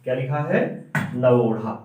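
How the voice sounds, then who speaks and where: A man teaching a grammar lesson, slowly asking each question and then answering it himself, dropping his voice on the key sounds. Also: phone-quality sound. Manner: drags out and drops pitch on key sounds. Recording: echoey room, far from the mic.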